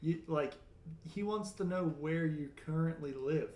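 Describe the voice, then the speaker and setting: A man's voice: on the high side, a little slow, darkish tone, roomy sound. A man, chatting and joking as an interview guest. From Pittsburgh area, USA. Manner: joking, rambling. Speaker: professional bass fisherman. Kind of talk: casual chat.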